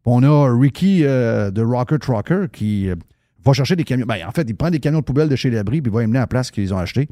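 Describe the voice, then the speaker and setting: Fast lively Québécois radio host. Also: male voice, medium pitch, dry recording, studio quality. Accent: Québécois French. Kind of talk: casual radio banter.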